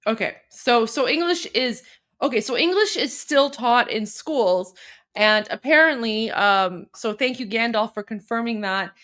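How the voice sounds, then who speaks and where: A woman from Canada hosts a casual livestream, chatting away with plenty of fillers; Persian is her mother tongue, but her English is fluent. Her voice is a little high and slightly bright, with lively intonation and a measured pace.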